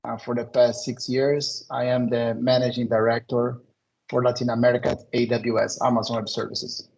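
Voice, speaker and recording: A man from Brazil, an executive, introducing himself in a relaxed, easygoing way on a video call. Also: medium pitch, moderate pace, gravelly. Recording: dull video call audio.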